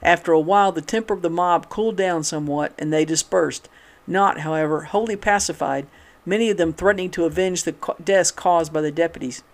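A man reading an old newspaper article aloud in a steady, measured way, with occasional restarts. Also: fairly high pitch. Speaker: reader of a historical newspaper.

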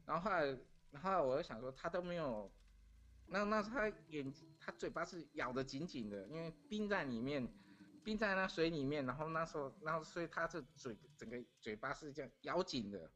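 Animated and a little fast, a middle-aged man from Taiwan speaks in a slightly high, somewhat bright voice as a podcast guest. He recounts events casually and earnestly, repeating phrases as he goes.

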